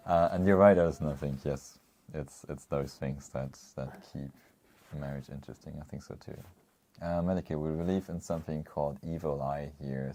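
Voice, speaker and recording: Very deep and dark in tone, this male co-host reads viewer comments during a laid-back chat. His talk wanders, with frequent chuckles and restarts.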